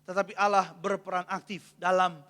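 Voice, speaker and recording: High-voiced pastor preaching in a hall. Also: male voice, flat delivery, moderate pace, pushed and bright. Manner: call-and-response preaching, often asking the congregation to finish his sentences. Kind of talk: sermon. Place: church hall. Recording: long reverb of a church hall.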